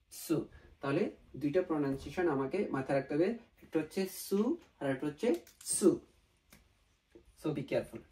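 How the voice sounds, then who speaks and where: A man's voice: on the high side, a little mellow, distant mic, poor audio. A man teaching a language class, going through syllables one at a time and repeating warnings to be careful. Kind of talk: lesson.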